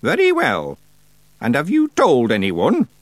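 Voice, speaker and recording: A man voicing an old blind witch woman who gives sharp, imperious orders. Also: medium pitch, wildly swooping pitch, measured pace, dry recording, voice pushed up. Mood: stern. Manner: imperious, snapping.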